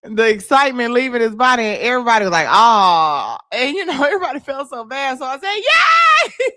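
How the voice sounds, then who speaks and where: Loud laughing woman livestream host. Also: on the high side, sing-song, quick pace, dry recording, clean studio sound. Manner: loud, laughing, profane storytelling. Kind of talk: casual livestream chat.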